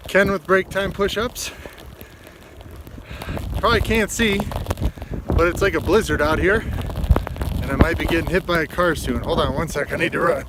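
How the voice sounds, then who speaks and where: High-voiced man in blustery wind noise. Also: normal speed, long pauses. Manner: upbeat, encouraging. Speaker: fitness vlogger. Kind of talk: casual selfie video chat. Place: outdoors in a snowy blizzard. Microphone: phone at arm's length. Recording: loud wind noise on the microphone.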